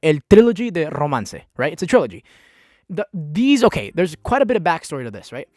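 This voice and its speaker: A young man of Dominican and Peruvian background hosts his own podcast, talking solo and rambling loosely, restarting sentences and swearing often. His voice is a little high and darkish, with big pitch swings and a fairly quick pace. The recording is dry and studio quality.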